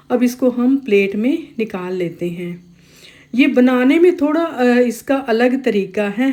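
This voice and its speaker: A woman's voice: a little high, dark tone. A woman with a sore throat hosting a cooking channel, chatting casually through a recipe with many fillers and self-corrections. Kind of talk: casual cooking tutorial narration.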